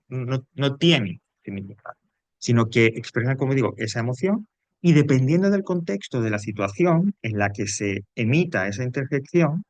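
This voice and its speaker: A mid-range male voice, recorded dry, belongs to a teacher from Spain explaining grammar in a recorded lesson. His delivery is hesitant, full of fillers and frequent questions to check understanding.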